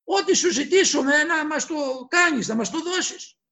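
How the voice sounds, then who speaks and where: A male preacher delivers an impassioned sermon, acting out the voices he quotes. His voice sits unusually high for a man, with a gravelly, fry-laden edge. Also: lively intonation, pushed and bright.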